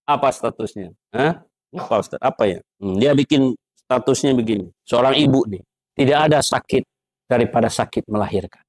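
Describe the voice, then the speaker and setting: A man preaching to boarding-school students. He acts out scolding parents with sound effects and swings from loud raised lines to low hushed asides. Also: lively intonation, normal speed, dry recording. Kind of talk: sermon to students.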